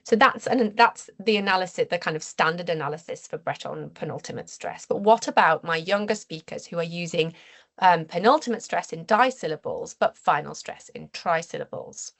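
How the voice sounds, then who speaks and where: An English woman lecturing at a university seminar, measured and careful, with frequent fillers and restarts. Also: fairly low pitch, creaky. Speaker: university researcher giving a seminar talk. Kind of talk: academic lecture.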